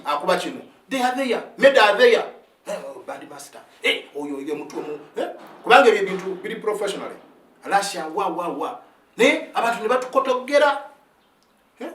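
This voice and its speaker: High, rapid-talking soldier in his fifties. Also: fairly bright tone, distant mic. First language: Luganda. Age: 50s. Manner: keeps asking "eh?" of listeners, stumbling restarts; switches between Luganda and English phrases. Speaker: army sergeant. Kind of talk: impassioned spoken account. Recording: roomy sound, set back from the mic.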